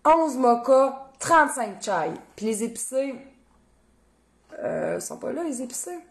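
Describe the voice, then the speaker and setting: Chatty Québécois woman, fairly high voice. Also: unhurried, creaky. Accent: Québécois French. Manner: expressive, chatty, swears casually; talks straight to viewers, reads their comments. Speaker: cooking show host. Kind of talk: casual livestream chat.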